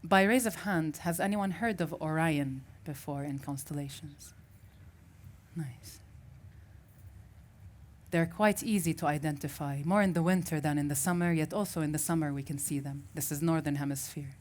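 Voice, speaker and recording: As a festival speaker, a Syrian woman who grew up speaking Arabic shares a thoughtful story about her life, often pausing to restart while she finds her words. Her voice sits low, with a darkish tone and a moderate pace.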